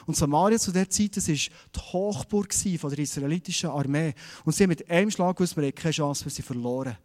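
Lively Swiss German preacher, man. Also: fairly high pitch. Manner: lively storytelling with acted-out voices. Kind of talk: sermon.

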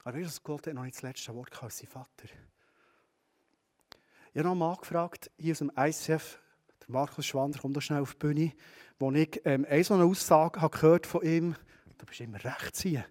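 A man with a Swiss German accent preaches in a conversational way. He speaks straight to his listeners in a high voice. He often asks them questions. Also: brisk, darkish tone. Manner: conversational, addresses listeners directly. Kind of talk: sermon.

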